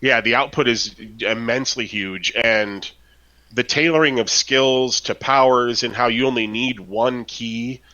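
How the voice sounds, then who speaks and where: A man's voice: mid-range voice, unhurried, sharp tone, highs cut off. A man chatting casually on a podcast about a role-playing game, rambling with lots of fillers and tag questions. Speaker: podcast co-host.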